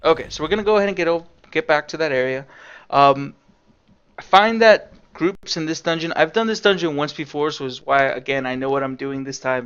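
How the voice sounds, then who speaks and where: A man's voice: medium pitch, fairly bright tone, clean tone, muffled recording. A young man giving casual, sarcastic commentary over his own gameplay, swearing freely as he explains what he is doing. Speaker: game streamer.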